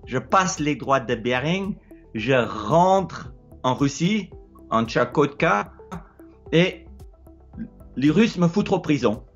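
A halting South African man with an Afrikaans accent gives casual advice as an explorer, hesitating, repeating words and searching for what to say. His voice is fairly high and animated. The audio, made on a phone held close and low in a wood-ceilinged room, sounds dull, with soft music in the background.

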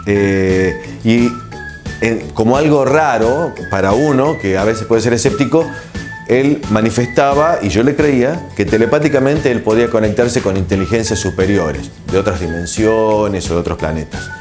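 A TV host and producer in his forties, speaking with an Argentine Spanish accent, answers interview questions as a guest in a relaxed, reflective manner, often pausing with fillers. He has a fairly low-pitched voice and is recorded on a lapel mic in a small studio, with music in the background.

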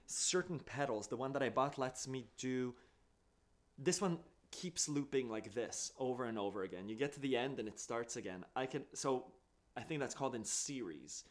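A man in his thirties teaches accordion in a relaxed live-stream lesson from a small home music room, explaining things step by step. He speaks at medium pitch and a moderate pace into a studio mic on a boom arm while wearing headphones. Accordion and looped music play in the background.

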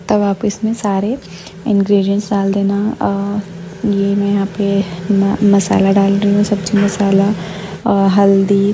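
A woman talking through a home cooking recipe step by step, speaking softly and slowly because a child is asleep beside her, with fillers and self-corrections. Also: medium pitch, creaky, background noise. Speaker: vlogger. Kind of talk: cooking vlog narration.

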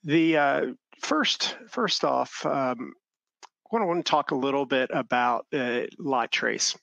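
A man presenting a business talk off the cuff, stopping often for ums and restarting his sentences. His voice has a gravelly fry and a bright edge, with a dry, close sound. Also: medium pitch, slow, no room sound, poor audio. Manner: hesitant, many ums and restarts. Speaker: software company founder presenting.

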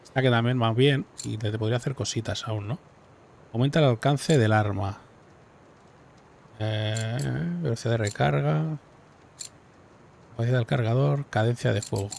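A man giving relaxed, musing commentary while playing a game at home on a headset. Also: medium pitch, normal speed, creaky, long pauses, slight background noise. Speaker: gameplay streamer. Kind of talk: casual gameplay commentary.

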